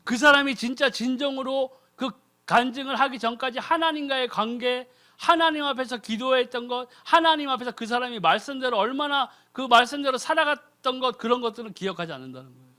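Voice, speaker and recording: A man's voice: very high voice, brisk, few pauses, bright, forceful tone. A man preaching a sermon as a deacon, firing rhetorical questions at the congregation and mimicking people's prayers in mocking voices. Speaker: lay preacher, ordained deacon.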